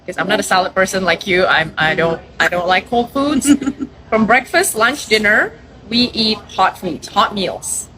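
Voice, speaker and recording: A woman from Indonesia, a restaurant owner chatting casually in an interview, lively and quick to laugh. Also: medium pitch, rough recording. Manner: lively, laughs often, acts out quoted customers.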